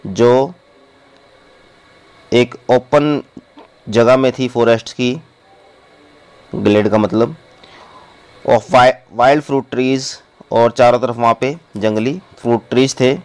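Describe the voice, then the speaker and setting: A man teaching through a storybook, reading the text slowly and then explaining it in casual asides. His reading is unhurried. His voice is smooth and clear. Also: mid-range voice, steady tone, a little mellow, low-quality recording.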